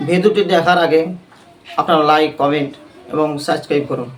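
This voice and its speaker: A man's voice: a little high, steady tone, fairly quick, slight background noise. A man teaching a Quran recitation class, quizzing the class with repeated questions and leading call-and-response.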